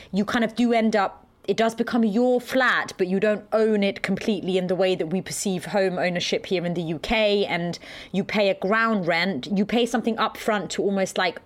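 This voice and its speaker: A woman from Denmark co-hosting a podcast, chatting and searching for words as she explains. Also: medium pitch. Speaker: podcast co-host. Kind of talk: conversational discussion.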